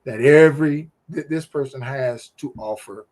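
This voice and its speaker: With a mid-range, slightly mellow voice at an ordinary pace, this podcast co-host helps run a laid-back show about faith. His delivery is animated and forceful, carrying the tone of a sermon-like storyteller.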